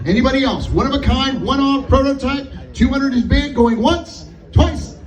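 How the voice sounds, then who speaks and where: A man's voice: very high-pitched, normal speed. A man working as an auctioneer, calling bids in a chant of repeated numbers and filler syllables. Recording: echoey, distant mic with music behind.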